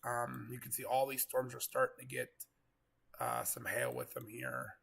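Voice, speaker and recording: A man with a gravelly, congested voice from getting over a cold, giving casual, rambling live storm coverage commentary. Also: medium pitch, sing-song, moderate pace, a bit bright. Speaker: live weather stream host, storm chaser.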